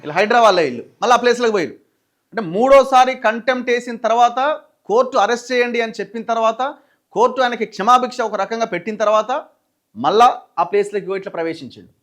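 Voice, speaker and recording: Male news commentator, Telangana Telugu accent, high voice, animated and conversational, restarts often. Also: quick pace. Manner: animated storytelling with many restarts and acted quotes. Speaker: journalist commentator.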